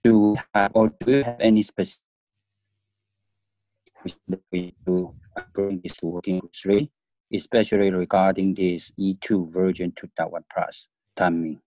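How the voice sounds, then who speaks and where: A man's voice: low voice, fairly even intonation, moderate pace, dark tone, dry recording, poor audio. A man on a video call asking a hesitant, apologetic question while his call audio breaks up. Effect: choppy, breaking-up call audio. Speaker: meeting participant. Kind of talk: online work meeting.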